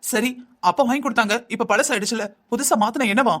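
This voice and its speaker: A man's voice: very high-pitched, fairly bright tone. A man voicing a young wife in a cartoon family drama, envious and complaining, who nags her husband in a whining, insistent way. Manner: nagging, whining, quick and insistent. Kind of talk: Tamil cartoon voice acting.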